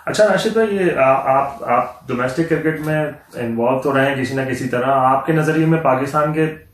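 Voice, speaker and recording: Male host, polite and measured, mid pitch, roomy echo. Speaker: interview host. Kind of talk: interview questions.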